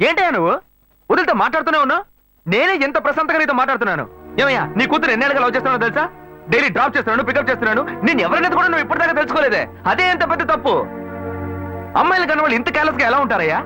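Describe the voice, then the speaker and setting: A man's voice: very high-pitched, expressive, rapid-fire, music in the background. An actor playing a fearless young man in love who talks back boldly, in a dubbed film scene. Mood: defiant. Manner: bold, lecturing, confrontational. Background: film score.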